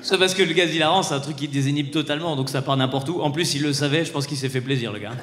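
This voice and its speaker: A man doing casual stand-up, chatting and swearing with a live audience and slipping into quick impressions. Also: a little high, fairly bright tone. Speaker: stand-up comedian. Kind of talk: live stand-up crowd work. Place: theatre stage. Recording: roomy hall sound, faint crowd ambience.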